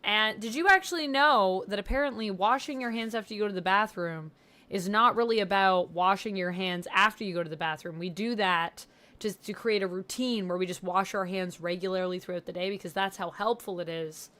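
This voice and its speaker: A young YouTuber woman hosts a livestream, coloring while she chats casually and tells rambling stories. Her mid-range voice sounds a bit sniffly, bright and forceful, at a normal speed.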